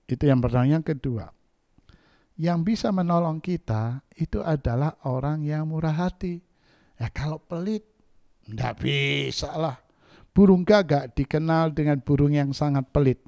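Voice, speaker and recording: Male pastor, gravelly, animated storyteller, dry close mic. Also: a little slow, no echo. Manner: animated storytelling, acts out quoted voices with big pitch jumps. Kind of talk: sermon. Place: church.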